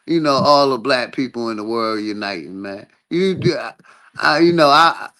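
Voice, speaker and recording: A man's voice: mid-range voice, lively intonation, normal speed, pushed and bright. A man in his sixties in a casual panel talk, rambling and hesitant with many fillers. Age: 60s.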